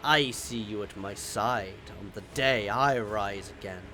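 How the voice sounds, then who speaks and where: A man's voice: fairly low pitch, unhurried, bright, forceful tone, faint music behind. A man voicing a contemptuous ancient daemon. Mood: ominous.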